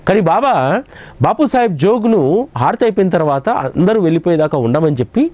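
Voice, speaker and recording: High-voiced man telling devotional stories. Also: sing-song, fairly quick, a little mellow, no echo. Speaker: spiritual speaker. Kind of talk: devotional storytelling talk.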